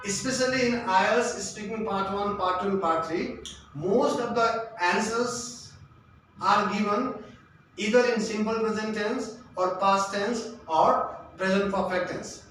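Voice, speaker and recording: Unhurried and fairly even in intonation, this male English tutor speaks in a high, fairly bright voice. He lectures emphatically and repetitively with a question-and-answer style, captured by a distant mic in an echoey room with faint noise.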